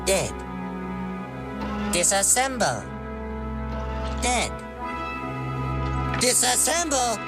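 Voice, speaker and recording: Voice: mid-range voice, sing-song, very slow, long pauses. An actor voicing a curious, jittery childlike robot with a synthetic, clipped metallic voice, heard in a film clip. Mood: robotic. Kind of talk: movie clip played in a podcast. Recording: film clip with loud music.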